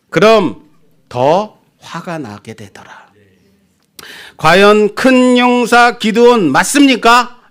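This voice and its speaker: Animated, high-voiced male pastor preaching. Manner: lively, animated preaching with acted-out quotes and humor. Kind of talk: sermon. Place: church sanctuary.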